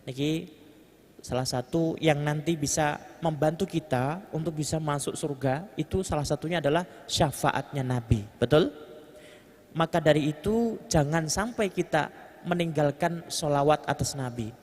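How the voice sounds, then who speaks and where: A man's voice: on the high side, normal speed, darkish tone. A man with a Javanese accent giving a mosque sermon, joking with the congregation and translating Arabic phrase by phrase. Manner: jokes with the congregation, leads chanting. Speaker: preacher. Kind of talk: mosque sermon with kitab reading. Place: large mosque hall. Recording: long hall reverb, faint ambient noise.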